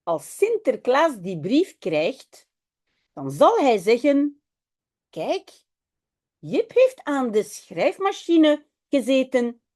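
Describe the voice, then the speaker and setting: A stern but loving storybook father scolds a small boy, piling up emphatic repeats, as a woman reads him aloud. The voice sits high and swings widely in pitch. The delivery is slow and deliberate. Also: sing-song, dark tone, full character voice. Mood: gently explaining.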